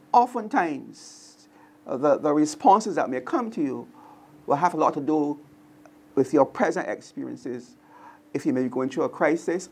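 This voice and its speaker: Unhurried teaching voice, repeating phrases. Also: mid-range voice, breathy edge. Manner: slow, repeats key phrases, pauses. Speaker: co-presenter. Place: television studio.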